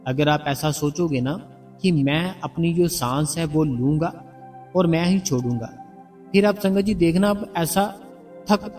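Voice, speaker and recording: A man's voice: a little high, darkish tone. A man giving a devotional talk to the congregation, explaining earnestly and repeating his points to coax the listeners. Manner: earnest, repetitive, coaxing explanations. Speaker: spiritual narrator addressing the congregation. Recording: distant mic with background music.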